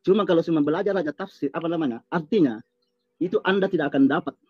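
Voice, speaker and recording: Stern high-voiced man on dull audio. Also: fast, husky, no echo. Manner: stern, reproachful, repetitive. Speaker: debater. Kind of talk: heated online debate.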